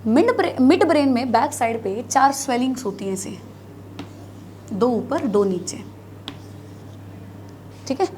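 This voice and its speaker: A woman's voice: a little high, lively intonation, unhurried, long pauses, darkish tone, a little hiss or hum. A woman teaching biology in a classroom lecture, mixing Hindi with English terms, asking and answering her own questions. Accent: North Indian Hindi.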